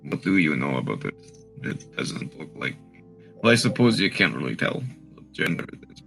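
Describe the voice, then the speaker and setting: Very deep, creaky-voiced male player. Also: sing-song, normal speed, fairly bright tone, soft background music, low-quality recording. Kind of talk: tabletop role-play chat.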